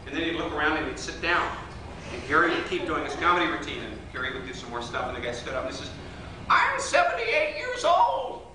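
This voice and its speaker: A man runs a live workshop in a large hotel meeting room, cracking jokes and playfully teasing audience members as he tells stories. His fairly high voice swings hugely in pitch and moves fairly quickly. The sound is echoey, picked up from far away, with a noisy background.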